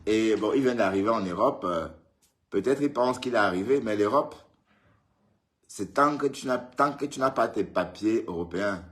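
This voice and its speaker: This man hosts a casual live stream at home in Europe, speaking at a normal speed in a lowish voice with a fairly bright tone. He greets viewers one by one by name and teases them chattily.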